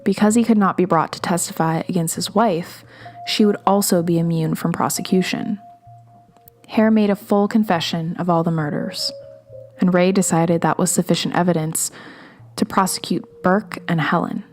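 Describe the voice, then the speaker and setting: Low-voiced woman narrating true crime. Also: faint music behind. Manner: measured, steady storytelling. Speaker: podcast host.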